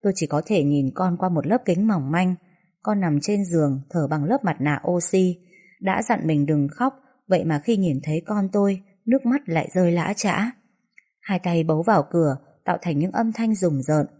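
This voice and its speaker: A woman narrating a first-person story in a soft, sorrowful way. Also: fairly low pitch, moderate pace, slightly rough.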